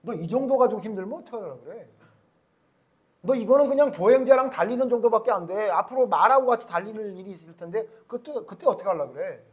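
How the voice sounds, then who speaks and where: A man's voice: sits high, lively intonation, fast. A male pastor voicing God as a stern, demanding figure who challenges a prophet with blunt, chiding questions during a sermon.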